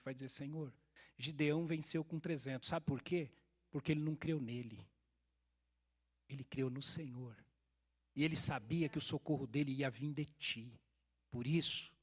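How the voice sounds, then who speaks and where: High-voiced Brazilian pastor preaching. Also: male voice. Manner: animated storytelling, addressing the congregation directly. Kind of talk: sermon. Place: church hall.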